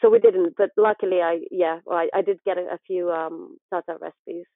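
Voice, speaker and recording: A young woman from southern Ukraine speaks as an interview guest in a fairly low, steady voice at a fairly quick pace. She's hesitant in this casual chat, restarting often and using lots of fillers, and the recording is dry, like a phone line.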